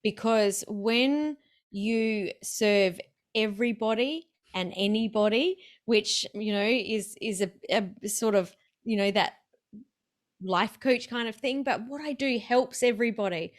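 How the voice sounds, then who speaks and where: A woman hosting a casual interview, chatty and excited, laughing easily as she talks. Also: fairly high pitch, unhurried. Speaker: podcast host.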